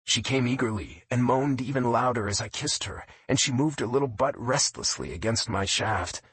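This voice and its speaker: A man narrating a romance audiobook in a low, intimate first-person reading. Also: lively intonation, moderate pace, fairly bright tone, husky, no room sound.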